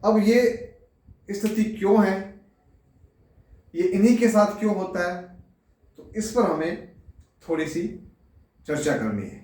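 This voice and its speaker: A man giving a slow classroom lecture on pronunciation, explaining word by word and addressing his listeners directly. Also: high voice, a little mellow. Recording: echoey room, voice from far off.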